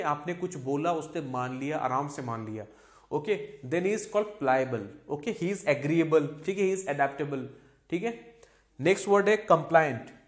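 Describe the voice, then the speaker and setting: Man, vocabulary teacher, slightly high voice, repeats each word. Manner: explains in Hindi mixed with English, repeats words, asks "ठीक है?" often. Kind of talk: exam-prep vocabulary lesson.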